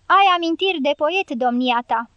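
Bossy, cursing guerrilla matriarch for an audiobook, high and dry, read by a woman narrator. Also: expressive, no room sound, muffled recording. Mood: commanding. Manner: commanding, swearing. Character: fierce foul-mouthed middle-aged female guerrilla leader. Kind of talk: audiobook character reading.

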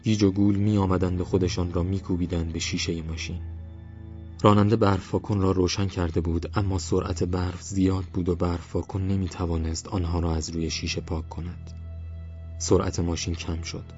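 Brief: low-voiced man reading a novel, steady and measured, quiet music under him. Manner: measured literary reading, softening on description. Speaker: audiobook narrator. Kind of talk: scripted narration. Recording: slightly muffled, soft music behind.

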